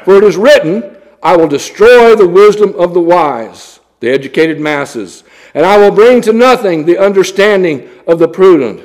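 High-voiced man preaching a blunt sermon. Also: animated, normal speed, darkish tone. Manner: blunt, scornful preaching with King James scripture reading.

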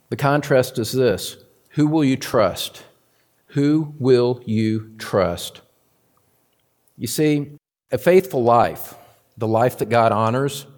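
A man preaching a sermon, earnestly calling his listeners beloved, his voice climbing higher and louder for emphasis before dropping low again, and slowing down on key phrases. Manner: builds in pitch and loudness for emphasis, then drops low. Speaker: pastor.

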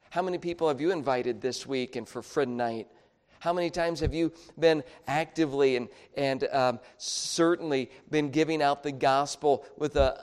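Speaking a little high, a middle-aged pastor tells stories through his sermon in a conversational way. He stops and restarts haltingly, and grows quiet when the talk turns confessional.

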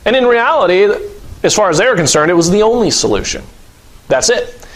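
Man preacher, high-pitched, chatty delivery with frequent fillers. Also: a little fast, rough recording. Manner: acts out scenes with lively voices and laughs; conversational, uses many fillers. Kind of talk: sermon.

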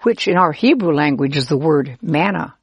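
A woman's voice: low-pitched, lively intonation, normal speed, breathy edge, no echo, full character voice. A woman voicing a friendly, helpful Israelite man who laughs easily and explains patiently in a children's storybook. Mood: cheerful explaining.

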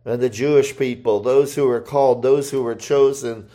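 A man preaching a sermon, reading scripture aloud and rising in voice for the quoted shouts. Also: mid-range voice, steady tone. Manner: slow, deliberate delivery with pauses and fillers.

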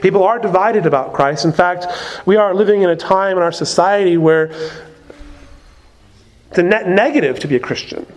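A man's voice: high-pitched, moderate pace, long pauses. A man preaching a sermon as a pastor, in a conversational way with frequent asides.

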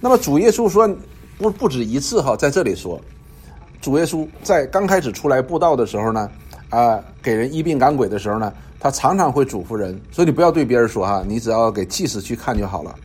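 A man's voice: medium pitch, lively intonation, a little fast, a little mellow, slightly rough. A man teaching a Bible study in a conversational, explanatory way, often repeating phrases and using filler particles.

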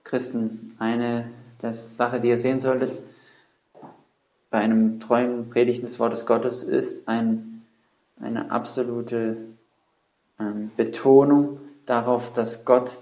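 A man's voice: mid-range voice, little pitch movement, takes it slowly, dark tone. A man preaching a sermon earnestly and emphatically, with rhetorical questions and repetition. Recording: roomy, dull lo-fi sound.

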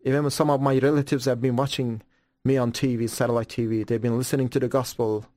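A man's voice: medium pitch, little pitch movement, fast talker, dark tone, no echo. Man, earnest testimony, dry close mic. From Iran. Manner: earnest, fervent storytelling with stammered restarts. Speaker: guest evangelist. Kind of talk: testimony in an interview.

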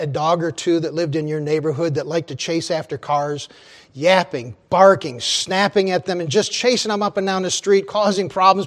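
A man preaching a sermon, telling stories with big swings in loudness and slowing low for emphasis. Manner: slows and drops low for emphasis. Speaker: pastor.

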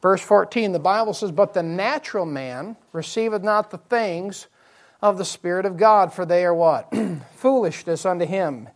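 Speaking at a normal speed in a high-pitched voice, a pastor explains Bible verses during a midweek evening sermon at church. He leans on repeated key phrases and throws rhetorical questions at the congregation.

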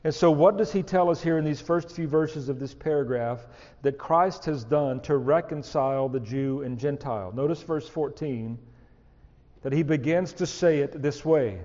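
A man preaching an expository sermon, slow and emphatic, rising on key words. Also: fairly high pitch, warm tone, long reverb tail, lo-fi sound.

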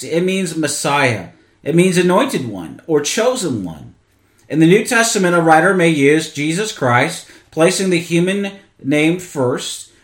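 A man's voice: a little high, a bit bright. A man hosting a podcast, earnestly explaining a theology question with frequent restarts. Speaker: podcast host. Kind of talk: theology teaching monologue. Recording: echoey room.

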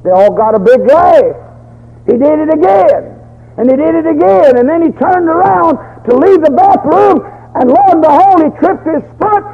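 An older man preaching a folksy, fervent storytelling sermon, in a dull lo-fi recording. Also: very high-pitched.

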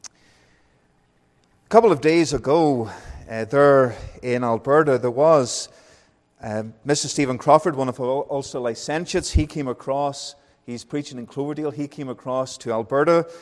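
A Northern Irish man in his thirties preaches a sermon at a mid pitch. He talks in an unhurried, friendly way and often pauses on small fillers. His voice rings out with the long reverb of a large church hall. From Northern Ireland. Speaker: pastor.

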